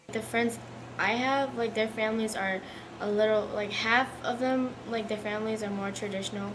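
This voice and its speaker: A woman's voice: mid-range voice, steady tone, normal speed. A teenage girl speaking earnestly with many fillers in a documentary interview. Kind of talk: personal testimony in a documentary interview. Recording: noisy ambient background.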